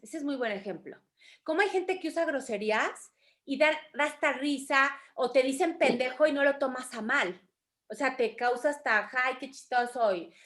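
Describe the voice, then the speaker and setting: A Mexican woman leads a spiritual study class, explaining ideas in a lively, expressive way. Her voice sits high and clear, and she acts out little quoted voices as she teaches. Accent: Mexican Spanish. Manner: animated, acts out quoted voices, calls students affectionately. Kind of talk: teaching a course in an online group class.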